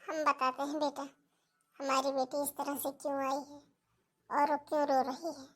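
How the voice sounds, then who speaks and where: Fussy, protective cartoon mom, middle-aged and fretful, with a very high voice, put on by a woman. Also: flat delivery, lightly acted. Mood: sorrowful. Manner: fretful, scolding, quick to take her daughter's side. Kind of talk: animated cartoon voice acting.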